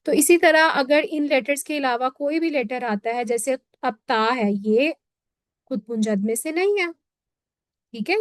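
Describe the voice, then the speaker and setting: A woman's voice: high-pitched, no echo, studio quality. A woman from Pakistan, teaching a Quran recitation lesson to a class and patiently repeating points while checking that everyone follows.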